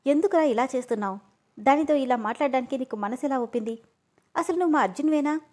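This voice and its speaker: A woman's voice: sits high, fast talker, darkish tone. A woman voicing a middle-aged mother who pleads with and scolds her son. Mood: pleading.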